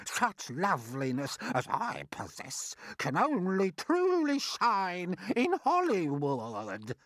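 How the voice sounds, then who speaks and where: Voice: medium pitch, wildly swooping pitch, fairly bright tone, no room sound, pitched above the performer's own voice, exaggerated voice. Narrator doing a pompous, drawling vain aunt. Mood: smug, gushing. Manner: grandly declaiming, drawn-out words. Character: vain, pompous, bossy fat aunt in storybook.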